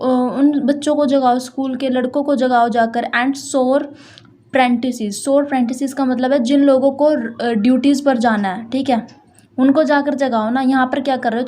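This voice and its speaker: Woman tutor going through a poem line by line, chatty, keeps checking in with students, slightly high voice. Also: dark tone. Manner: chatty, repeats "thik hai" and "doston", reads English lines slowly. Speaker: English literature teacher.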